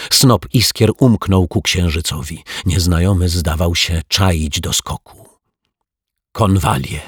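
A man calmly narrating a children's story as an audiobook reader on a close mic. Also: low-pitched, husky, no echo.

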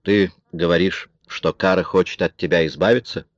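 A man voicing a menacing gang boss who speaks slowly and ominously, promising violence. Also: sits low, steady tone, no room sound, lightly acted. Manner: slow, ominous and threatening. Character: menacing middle-aged male gang boss. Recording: dry, dull lo-fi recording.

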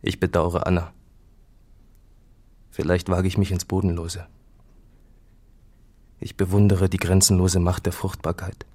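A male actor with a deep, mellow, monotone voice plays a solemn, brooding farmer in a literary radio drama, speaking gravely and deliberately.

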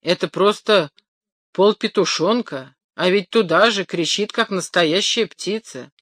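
Storybook watchman's wife, dismissive and quick, read by a woman; dry sound. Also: lowish voice, fairly bright tone, dry recording. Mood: scornful. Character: scornful poor watchman's wife.

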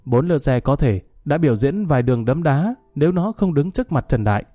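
A man reads a story aloud at a steady, measured pace. His voice is dark and mellow, recorded dry and close, with faint instrumental music behind. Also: fairly high pitch, no room sound. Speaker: story narrator. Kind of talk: audiobook story narration.

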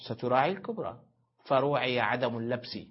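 A man teaching a grammar lesson, asking questions and answering them himself, stretching words out slowly as he explains each form. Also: mid-range voice, lively intonation, husky. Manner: explains step by step, asks and answers own questions; stretches words slowly when spelling out forms. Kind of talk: classroom lesson. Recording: dull lo-fi lecture recording.

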